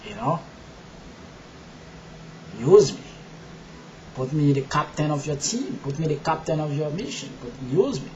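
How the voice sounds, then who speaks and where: This Haitian vlogger has a Haitian accent and a voice on the high side with lively intonation. He gives a rambling personal testimony of faith to camera, filled with "you know," moving from soft and halting to loud and emphatic. The audio is dull, and the background is noisy.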